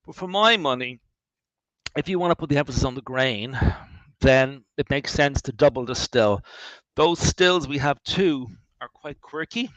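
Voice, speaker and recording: A man's voice: mid-range voice, moderate pace, no echo, poor audio. Chatty Irish man giving a distillery tour. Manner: chatty and animated, wry asides, thinks aloud with restarts. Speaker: distillery founder leading a tour. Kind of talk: guided tour talk, answering questions.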